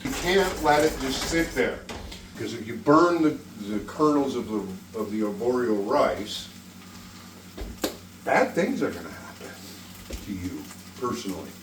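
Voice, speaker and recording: A man's voice: medium pitch, animated, unhurried, long pauses, distant mic. A man's voice in an echoey kitchen, set back from the mic with faint noise behind. He hosts a cooking show casually, in a joking, folksy, salty-tongued manner. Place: indoor kitchen.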